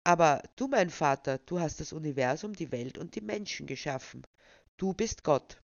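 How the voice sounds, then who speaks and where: A man's voice: high voice, expressive, a little slow, a little mellow, lo-fi sound. A woman voicing a hesitant, earnest young man in a storybook scene, reproachful in manner. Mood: insistent. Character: Jesus, a hesitant, sulky young man at a card table.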